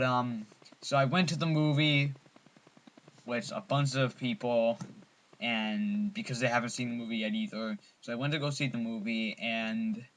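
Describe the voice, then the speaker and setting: A man's voice: medium pitch, sharp tone. A man giving a casual, rambling film review as an enthusiastic fan, full of ums and restarts. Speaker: movie reviewer.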